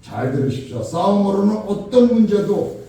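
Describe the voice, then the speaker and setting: A man preaching a sermon. He asks the congregation questions and acts out shouted quarrels. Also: high-pitched, big pitch swings, moderate pace. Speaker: pastor. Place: church sanctuary. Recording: echoey church hall from far off.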